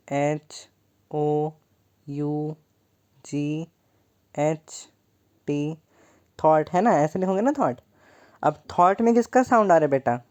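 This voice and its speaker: A woman's voice: sits low, darkish tone. A young woman teaching a poem in an online lesson, playful and joking, calling her students 'beta'.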